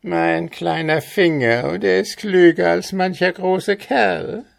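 A man's voice: high-pitched, slow, creaky, pitched above the performer's own voice, exaggerated voice. A man voicing a small, spiteful male goblin with a quacking, squawky voice and a mocking, sing-song way of talking in an audiobook. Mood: sly. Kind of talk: audiobook character voice.

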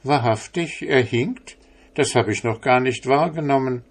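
Man doing a meek little tailor voice, a bit higher, kinda proud of himself. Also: lively intonation, moderate pace, lightly acted. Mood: surprised. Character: timid, flattered little male tailor.

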